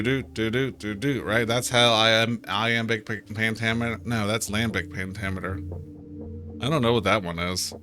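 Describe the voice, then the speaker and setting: A man streams a game and chats casually in a medium-pitched, pushed, bright voice. It's let's-play commentary in which he reads in-game posts aloud, playful and stumbling over his words.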